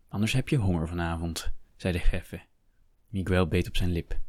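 A man narrating a historical story in a steady, measured reading. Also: sits low, no room sound. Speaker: audiobook narrator.

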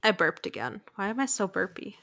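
A woman's voice: medium pitch, very animated, a little fast, vocal fry, a bit bright. A young woman co-hosting a casual podcast, rambling with lots of filler words and frequent giggles. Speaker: podcast co-host.

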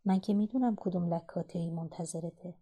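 A woman's voice: fairly low pitch, dark tone, breathy edge. A woman reading the part of a bitter mother who trades barbs with her husband. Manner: bitter, cutting. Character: bitter, sharp-tongued housewife mother.

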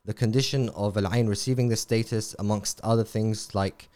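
A man with a lowish voice, interviewed as a charity representative. He explains things in a measured, patient way and tends to wander off on tangents. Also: steady tone, warm tone. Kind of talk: conversational interview.

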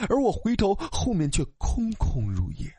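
A man narrating a ghost story in the first person, dramatic, swinging from hushed dips to sudden rises. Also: high voice, huge pitch swings, moderate pace, no room sound.

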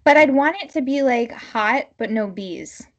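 A woman podcast co-host chatting casually and informally in a halting, filler-heavy way. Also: high-pitched, highs cut off.

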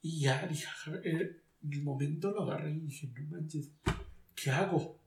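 A man's voice: on the high side, unhurried, a little mellow. Earnest man, echoey and distant. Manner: earnest, searching, restarts with "o sea". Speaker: guest giving a faith testimony. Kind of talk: emotional personal testimony. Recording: echoey room, distant mic.

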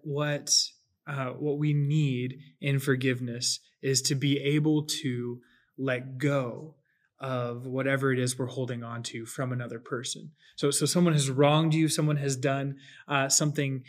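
Man, mid pitch, thoughtful, explanatory, casual faith discussion. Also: level tone, moderate pace.

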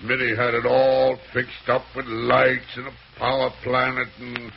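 A man's voice: mid-range voice, monotone, creaky. An actor playing a dim, reluctant, folksy henchman in an old radio serial, stammering and ungrammatical. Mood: dim, compliant. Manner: slow-witted, stammering, ungrammatical. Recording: muffled, hissy old radio broadcast.

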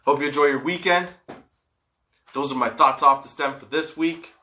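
Stoned, giggly man with a bright voice. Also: a little high, normal speed. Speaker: podcast host. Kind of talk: casual solo comedic podcast chat.

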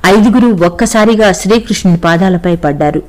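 A woman's voice: medium pitch, a little fast, poor audio. Woman narrating a storybook tale. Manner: steady, expressive reading.

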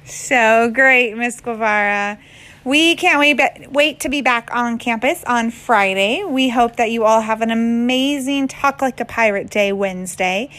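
An upbeat woman teacher reads the morning announcements for a school. Her voice sits a little high and stays cheerful from line to line. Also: a bit bright.

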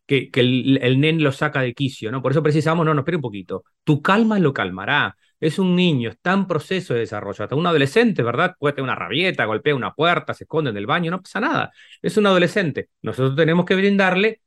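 A man's voice: fairly high pitch, animated, fast, fairly bright tone. Uruguayan man explaining, full of tag questions. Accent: Rioplatense Spanish, Uruguayan. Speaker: psychologist guest. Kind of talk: casual podcast conversation.

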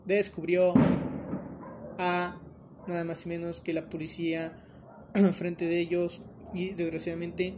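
A man's voice: fairly high pitch, background noise. Joking Mexican man recapping a film. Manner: joking, animated storytelling with many fillers. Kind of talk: casual recap.

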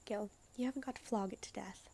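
Woman reading a weary dry courtier, husky and hushed. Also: mid-range voice, quick pace.

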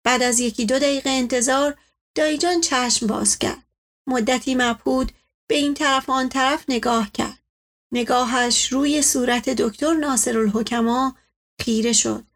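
A woman narrating a novel as an audiobook in a steady, measured way. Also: sits high.

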